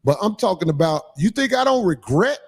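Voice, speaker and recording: High-voiced animated profane man. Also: brisk, slightly rough. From Chicago, Illinois. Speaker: livestream host. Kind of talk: casual chat.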